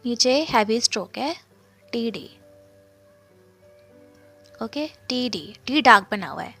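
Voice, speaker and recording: A woman's voice: on the high side, a bit bright. A woman teaching shorthand step by step, repeating each sound and asking and answering her own questions. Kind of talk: step-by-step lesson explanation.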